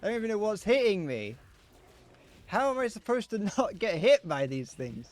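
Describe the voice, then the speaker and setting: High and sing-song at a moderate pace, this young British man's slightly whiny voice carries casual live commentary while he streams a game. He rambles, makes self-deprecating remarks and swears from time to time.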